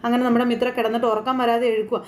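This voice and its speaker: Woman, serial recap, casual storytelling, high-pitched, quick, chatty. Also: little pitch movement, roomy sound. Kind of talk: casual retelling of a TV serial episode.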